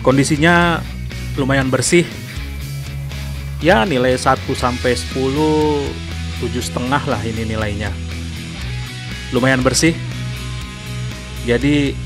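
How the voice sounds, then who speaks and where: A man narrating a casual camping vlog in a relaxed way, often addressing viewers as friends. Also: medium pitch. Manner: slow, relaxed, calls viewers "gengs". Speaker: travel vlogger.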